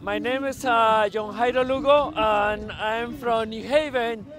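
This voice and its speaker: A man from Colombia, an activist, speaking earnestly outdoors at a street march, halting often with fillers. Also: very high-pitched, fairly even intonation, fairly bright tone, faint music behind. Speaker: activist at a rally. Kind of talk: street interview.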